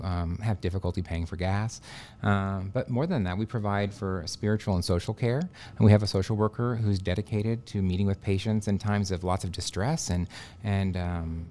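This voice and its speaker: A man's voice: low-pitched, mellow. A man in his thirties from Texas, a radiation oncologist guest answering interview questions earnestly, with many fillers and restarts.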